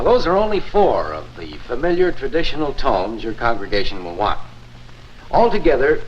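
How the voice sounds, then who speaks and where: An actor playing a courteous, confident church organist, explaining in a formal, measured 1950s narrator manner for a promotional film. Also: male voice, medium pitch, natural voice. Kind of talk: 1950s promotional film acting, scripted demonstration. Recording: muffled, noisy 1950s film soundtrack.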